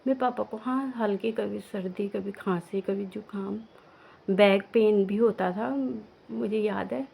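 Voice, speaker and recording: A woman's voice: medium pitch, fairly even intonation, unhurried, gravelly, warm tone, breathy edge, low-quality recording. A young woman vlogger telling a personal story in a casual, rambling way, full of restarts, from her village home. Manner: emotional, rambling with many restarts and fillers.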